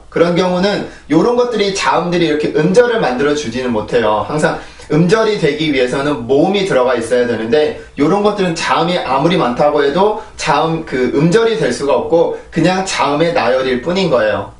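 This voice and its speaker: A man's voice: fairly high pitch, roomy sound, far from the mic. A man whose first language is Korean teaching English pronunciation, explaining patiently and drilling words in repeated sets. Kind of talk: pronunciation lesson.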